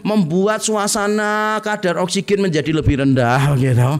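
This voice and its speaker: A man's voice: high voice, moderate pace. A man preaching a sermon, addressing his listeners directly, joking and acting out little scenes in quoted voices.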